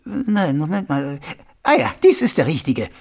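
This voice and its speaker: A man's voice: fairly high pitch, very animated, a little slow, voice pushed up, exaggerated voice. A man voicing a tiny, doll-like old woman shopkeeper who stammers and fumbles through her words. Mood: flustered. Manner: hesitant, stammering with many ums.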